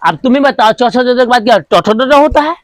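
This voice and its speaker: A man's voice: extremely high pitch, animated, moderate pace, dry recording. A male teacher giving a grammar lesson, repeating each point and asking questions that he then answers himself. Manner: repetitive, asks and answers his own questions; drills sounds one by one.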